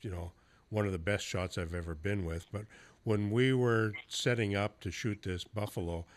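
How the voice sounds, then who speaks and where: A man's voice: fairly low pitch, normal speed. Casual storytelling male podcast host. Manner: storytelling, loose and profane, with laughs. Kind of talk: casual interview chat.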